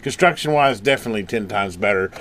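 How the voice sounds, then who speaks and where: Hosting an electronics review and repair video, a man with a lowish voice talks fast and animatedly, casually thinking aloud while he works hands-on. There's noise in the background.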